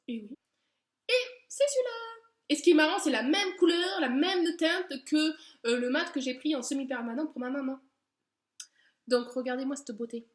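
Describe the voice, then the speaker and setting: A woman with a high voice talks casually and gushes with enthusiasm as she presents her haul. The sound is echoey and roomy. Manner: enthusiastic, gushing, chatty with fillers. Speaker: beauty vlogger. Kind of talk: casual product haul chat.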